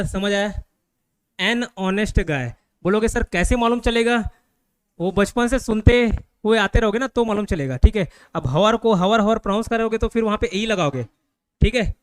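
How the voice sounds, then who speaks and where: A man from India teaching a grammar class to students in a classroom, constantly checking that they follow with quick questions. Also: high-pitched, clean tone, no room sound.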